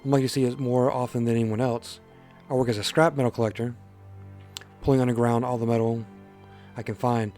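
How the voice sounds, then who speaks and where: A man's voice: medium pitch, little pitch movement, brisk, long pauses, a little mellow, faint music behind. A man hosting a let's play, reading a game's story text aloud in a plain voice and breaking off for joking asides. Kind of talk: casual game reading commentary.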